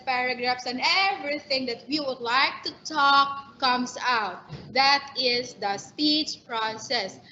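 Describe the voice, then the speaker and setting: Filipino lady training teachers, high bright voice, slow and emphatic, dull lo-fi sound with a bit of hiss. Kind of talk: training lecture. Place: online training session.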